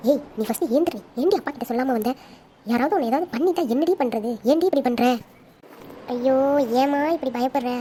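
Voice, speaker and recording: High-voiced woman acting out a story. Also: a little hiss or hum. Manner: animated, switching between characters. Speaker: storyteller voicing all roles. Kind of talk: acted audio story dialogue.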